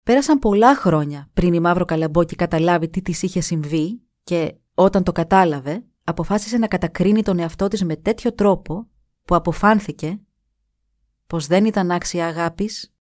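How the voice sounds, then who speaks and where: A woman narrating a scripted story in a measured, expressive reading voice. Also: on the low side, dry recording, studio quality.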